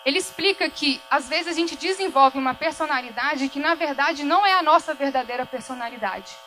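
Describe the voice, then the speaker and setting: High-voiced Brazilian woman sharing a story. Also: fairly quick, bright, forceful tone, slight background noise, low-quality recording. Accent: Brazilian Portuguese. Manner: earnest, self-correcting, acts out quoted dialogue. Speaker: workshop speaker. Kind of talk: personal testimony talk. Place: event hall.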